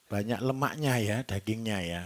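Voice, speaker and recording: A man's voice: fairly low pitch, moderate pace. A man with a Javanese accent gives a livestock-farming seminar, quizzing the audience and joking as he goes. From Java. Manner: lively, quizzing the audience with jokes. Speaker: livestock trainer. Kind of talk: seminar talk to a live audience.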